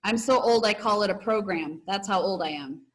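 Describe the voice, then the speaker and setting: A woman teacher with a mid-range, fairly quick voice speaks encouragingly to her pupils in an online video class. Heard over a video call, she reads aloud and leads the class discussion.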